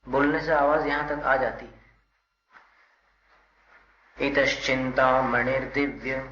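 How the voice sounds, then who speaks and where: A Jain monk teaching, leading call-and-response verse chanting and patiently correcting the students' pronunciation. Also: male voice, fairly high pitch, steady tone, brisk. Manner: patient, instructive, stresses syllables. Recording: roomy, dull, loud background noise.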